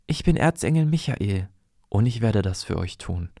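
A man voicing a calm, noble young archangel in a told storybook tale, speaking in a plain, steady way. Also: lowish voice, normal speed, vocal fry, dry recording, studio quality. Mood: solemn.

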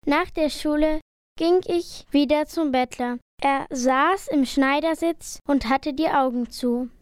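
A woman's voice: sits high, slow pace, no room sound, studio quality. A woman reading a first-person story aloud in a plain, uneven reading voice. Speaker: narrator.

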